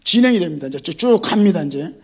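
A male pastor giving an animated sermon, addressing the congregation directly, repeating key words and mixing in jokes. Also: sits high, fast talker, breathy edge.

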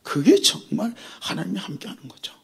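Impassioned pastor with a lively voice. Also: medium pitch, a little fast, gravelly, breathy edge. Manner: emphatic, repeats phrases, rhetorical questions; swings from near-whispers to shouts. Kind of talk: sermon.

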